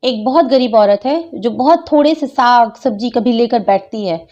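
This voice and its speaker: A woman's voice: fairly high pitch, normal speed, mellow, lo-fi sound. A woman, taunting and scolding a critic in a home vlog reply.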